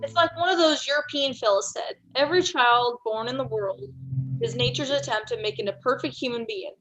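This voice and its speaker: A young woman reading a homespun stage manager who speaks plainly and chattily to the audience. The voice sits a little high, in a school play reading. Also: brisk, over music, natural voice. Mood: musing. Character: folksy male stage manager narrator. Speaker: student actor.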